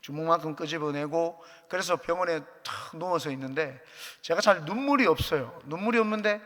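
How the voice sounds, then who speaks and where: A man's voice: a little high, brisk, pushed and bright. A man, a pastor, preaching a sermon as earnest personal testimony with light jokes, in a church sanctuary. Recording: echoey church hall.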